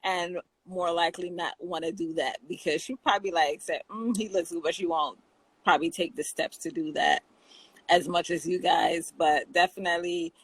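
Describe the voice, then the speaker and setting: A woman's voice: on the low side, fairly even intonation, normal speed, breathy edge, no echo, rough recording. Jamaican woman co-host, easy banter, frequent laughs, dead-dry sound. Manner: chatty, laughs often, many restarts. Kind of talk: casual chat.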